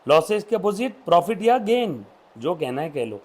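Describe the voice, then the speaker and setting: High-voiced man teaching a class. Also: sing-song, normal speed, a little mellow. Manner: drills students with questions and call-and-response. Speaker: accountancy teacher. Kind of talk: classroom lecture.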